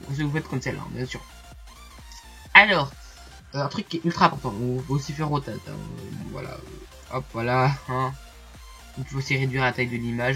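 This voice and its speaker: Bright-voiced chatty man giving a tutorial. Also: mid-range voice. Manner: chatty, hesitant, many fillers and asides. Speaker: YouTuber explaining software. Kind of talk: casual screen-recorded tutorial.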